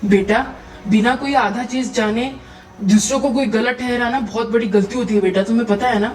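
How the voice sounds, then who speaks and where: A woman's voice: on the high side, fairly even intonation, moderate pace, soft background music, natural voice. Doll story: woman voicing a stern middle-aged father, firm and lecturing; roomy, distant recording.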